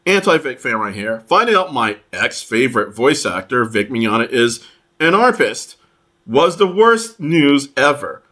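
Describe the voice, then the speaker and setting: A man commenting on online posts, reading them aloud in a halting way with many fillers and restarts. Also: medium pitch, very animated, sharp tone. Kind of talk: casual commentary over screenshots.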